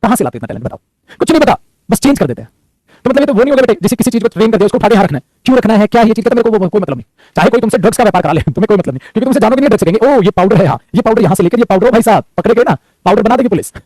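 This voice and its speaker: A male teacher giving an animated online grammar lesson, repeating phrases and calling his students son and child. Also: high-pitched, very fast, no echo. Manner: animated, repeats lines, calls students "beta" and "putra".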